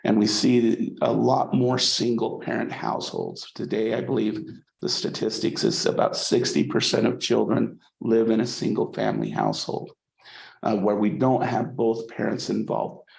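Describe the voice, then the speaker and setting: Gravelly male lecturer in an echoey room. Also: on the low side, flat delivery, moderate pace, darkish tone. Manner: conversational, frequent "okay?" checks, repeats words when restarting. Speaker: psychology instructor. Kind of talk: college lecture.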